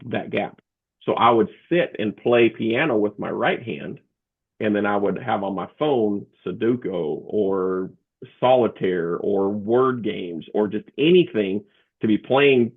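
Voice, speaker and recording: Gravelly man on a tinny line. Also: lowish voice. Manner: halting, with frequent restarts and fillers. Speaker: guest, comedian and motivational speaker. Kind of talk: casual interview storytelling. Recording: tinny phone-like remote line.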